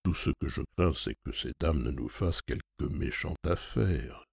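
A man voicing a shrewd, loyal male servant who talks calmly and reasons his way through danger, in a storybook reading. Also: very deep voice, moderate pace, vocal fry, slightly rough, no echo, clean studio sound, heavily acted. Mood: calm, wry.

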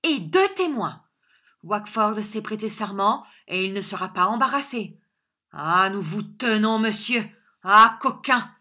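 A woman voicing a scheming older male schoolmaster who shouts, sneers and threatens in a storybook reading. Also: fairly low pitch, measured pace. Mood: triumphant.

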